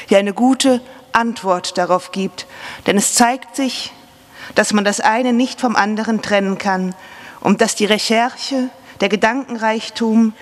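Middle-aged woman moderator, measured formal reading, live reverberant theatre. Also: medium pitch. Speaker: event moderator. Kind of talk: read introduction. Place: large theatre stage. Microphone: stand mic at a lectern. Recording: reverberant hall.

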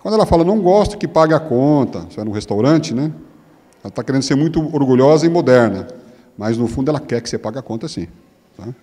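A man with a Brazilian Portuguese accent giving a humorous lecture, joking and mimicking women's voices in a higher tone. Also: animated, fast talker, warm tone. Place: lecture hall. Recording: long hall reverb.

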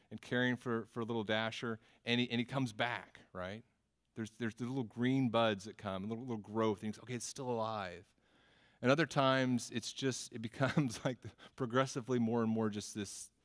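A male pastor of middle pitch gives a conversational sermon, often repeating words as he gathers his thoughts. He mixes teaching with self-deprecating humor. His voice carries a long reverb from the church sanctuary. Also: a bit bright.

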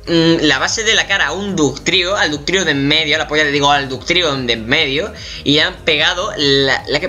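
Man with a Spain Spanish accent, gaming reaction chatter, swears a lot, wildly swooping pitch, faint music behind. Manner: animated, swearing, squeals in mock shock. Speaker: gaming YouTuber. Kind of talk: casual reaction commentary.

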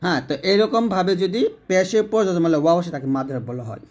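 A man teaching Quran recitation, explaining pronunciation letter by letter and reciting slowly with drawn-out tones for listeners to repeat. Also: high voice, expressive, a little mellow.

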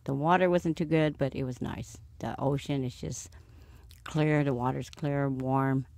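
Gravelly soft-spoken woman in her forties. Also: a bass voice, fairly even intonation, measured pace, no echo. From Sacramento, California. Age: 40s. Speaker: interviewee. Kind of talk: casual personal conversation. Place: small recording booth.

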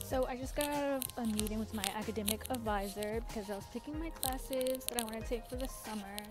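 A woman's voice: a little high, fast, music in the background. A young woman vlogging her day on her phone camera, chatty and a little self-conscious, with lots of "like". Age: young adult. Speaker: vlogger, community college student. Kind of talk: casual day-in-my-life vlog. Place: campus library, then home. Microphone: phone camera at arm's length.

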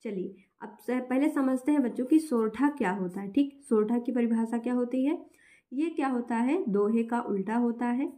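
A woman's voice: on the high side, normal speed, warm tone. A woman teaching a class, explaining step by step and asking and answering her own questions. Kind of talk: classroom-style lesson.

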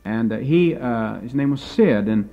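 A man's voice: mid-range voice, expressive, unhurried. Man, Bible lecturer, folksy stories, emphatic preaching, slightly muffled old recording. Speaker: Bible teacher.

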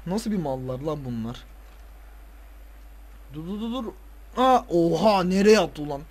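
A tired man playing a football video game, casually commenting, swearing and ranting at the players with excitable outbursts. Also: fairly high pitch, unhurried. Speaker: gaming video creator.

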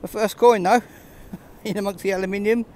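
A man's voice: high voice, fairly even intonation, normal speed, darkish tone, a little hiss or hum. A man giving casual running commentary while metal detecting on a pebble beach, chatty and understated, chuckling between finds, recorded on a handheld camera outdoors. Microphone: camera held close, filming his hands.

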